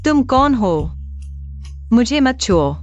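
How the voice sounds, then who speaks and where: A woman's voice: on the high side, big pitch swings, slow pace, soft background music. An actress in a dubbed short drama playing a drunk young woman who clings to and pleads with the man she loves, her speech slurred. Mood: drunk, pushing away.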